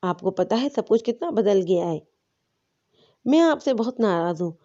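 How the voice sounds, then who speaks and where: A woman's voice: medium pitch, expressive, mellow, highs cut off, lightly acted. A woman reading as a tearful young sister. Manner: crying, reproachful.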